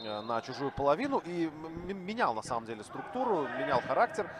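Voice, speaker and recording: A man's voice: on the high side, very animated, fairly quick. A man co-commentating a live football match with analysis, in hesitant, piecemeal phrases. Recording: loud background noise.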